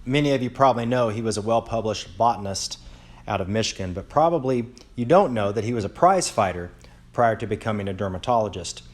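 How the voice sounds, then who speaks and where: A man's voice: on the low side, animated, a little fast. A man, a dermatologist, presenting a history lecture to colleagues at a conference, telling stories about notable figures. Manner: admiring, storytelling lecture delivery.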